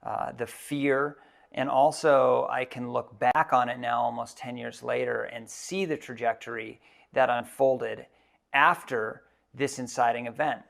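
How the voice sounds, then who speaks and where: A man in his thirties giving a reflective personal storytelling talk as a keynote speaker, halting often with fillers. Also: mid-range voice, fairly even intonation, creaky, fairly bright tone.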